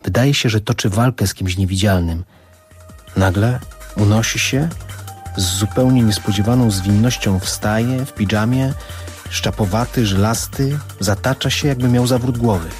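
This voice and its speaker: A man reading a literary novel aloud on radio in a calm, measured way. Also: lowish voice, faint music behind. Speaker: audiobook reader.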